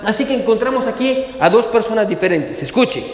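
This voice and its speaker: A male pastor preaches with fervent drive, often breaking into small chuckles as he addresses his congregation. His voice sits high for a man. The sermon rings through a roomy church hall with a long, trailing reverb. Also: expressive, a little fast. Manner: fervent, repeats "hermano" and "amén", chuckles often.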